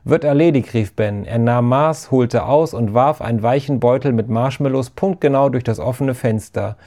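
Mellow male storybook narrator. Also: mid-range voice, normal speed.

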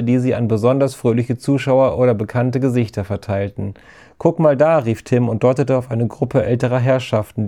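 A man reading a children's story aloud, steady and lively. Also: mid-range voice. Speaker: narrator. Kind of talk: storybook narration.

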